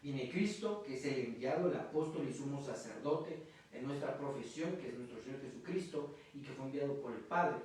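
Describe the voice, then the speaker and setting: A man's voice: mid-range voice, animated, moderate pace, a little mellow. A man preaching a sermon in a church, talking in a conversational way and often asking "¿verdad?" between phrases. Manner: conversational preaching with frequent "¿verdad?" and repeated filler words. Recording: very echoey room from a distance.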